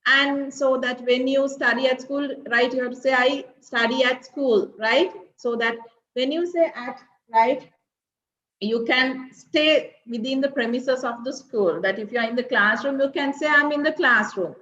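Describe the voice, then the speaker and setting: Sri woman teacher, higher voice, keeps asking "right?", lo-fi recording. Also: measured pace, a bit bright. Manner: keeps checking in with "right?" and "okay?". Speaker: English teacher. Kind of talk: recorded grade-six revision lesson. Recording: roomy, dull lo-fi recording.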